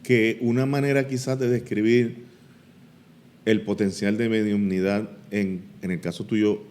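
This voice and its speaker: A man's voice: on the low side, fairly even intonation, a little slow, a little mellow, a little hiss or hum. A man with a Puerto Rican accent hosting an interview and asking the guest questions. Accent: Puerto Rican Spanish. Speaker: host.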